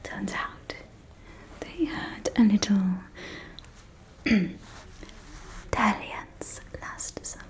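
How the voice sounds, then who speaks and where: In an ASMR roleplay, a woman plays a catty aristocratic vampire socialite dishing scandalized gossip. Her medium-pitched, animated voice drops to a soft, breathy, conspiratorial whisper, drawing out words teasingly.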